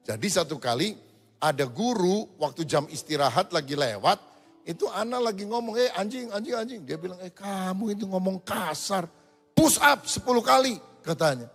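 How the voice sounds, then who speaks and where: Male pastor, lively storytelling sermon, high gravelly voice. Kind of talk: sermon with humorous stories. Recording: reverberant hall with faint music.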